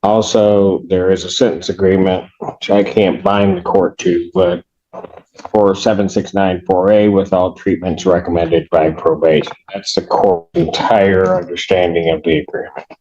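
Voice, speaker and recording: A male judge with a somewhat low voice, heard in a muffled courtroom recording with a faint hiss and a few clicks behind him. He speaks in a measured, formal way as he sets dates and reads out plea terms. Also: little pitch movement, mellow.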